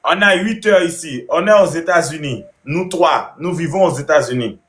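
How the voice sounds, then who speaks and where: A man's voice: a little high, normal speed, fairly bright tone. A man hosting a casual live chat, emphatic and repeating himself. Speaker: live stream host. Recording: roomy echo.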